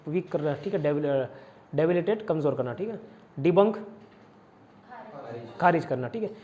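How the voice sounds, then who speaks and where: A man's voice: fairly high pitch, a little mellow, highs cut off. A man from India teaching vocabulary in an online exam-prep lesson, repeating each word and its meaning over and over. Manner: repetitive drilling, mixing Hindi and English.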